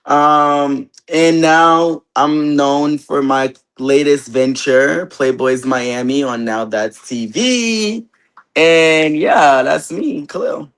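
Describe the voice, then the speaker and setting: A celebrity stylist and reality show cast member chats as a guest in a casual interview, heard through a phone on a video call. Raised in Queens and Harlem, New York, and later in Delaware, he's talkative and emphatic and tends to repeat himself. His voice is a little high, clean and a bit bright, and he speaks slowly.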